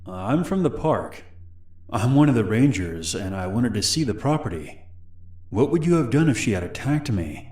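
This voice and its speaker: A man reading the lines of a young adult male stranger, speaking softly, calmly and with quiet menace. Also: medium pitch, normal speed, roomy sound, recorded from a distance, pitched above the performer's own voice, natural voice. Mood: insistent.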